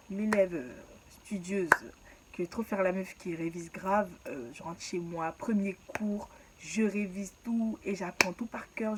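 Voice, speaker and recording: A young woman with a foreign accent in French, telling her own story in a lively, casual vlog style with quick asides. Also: medium pitch, heavy background noise. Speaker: vlogger.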